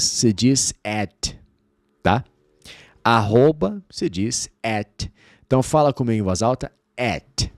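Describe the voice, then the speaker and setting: Man, low voice, native Portuguese speaker teaching English, slow and drawn-out, dry close sound. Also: a little mellow, no echo. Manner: slow, drawn-out model words repeated for learners. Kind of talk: online English lesson.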